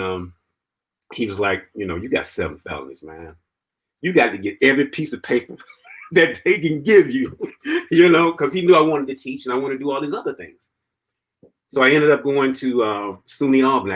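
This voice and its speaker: A man as an interview guest, telling his own story in an animated way, laughing often and filling his talk with "man" and "you know.". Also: on the low side, rough recording. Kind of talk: personal storytelling in conversation.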